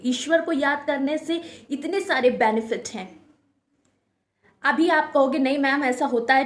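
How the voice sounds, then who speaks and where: High-voiced woman giving spiritual advice. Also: reverberant. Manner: repetitive, coaxing, addresses listeners as friends. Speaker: spiritual guidance speaker. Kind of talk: casual spiritual advice talk.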